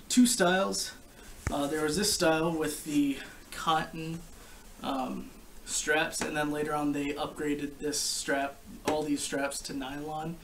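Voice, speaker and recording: A young man giving a casual, informal product review to camera, explaining things in a halting way. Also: on the high side, gravelly, fairly bright tone. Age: young adult. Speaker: gas mask collector and reviewer. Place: living room couch, indoors. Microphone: camera a short distance away. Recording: distant camera mic with background noise.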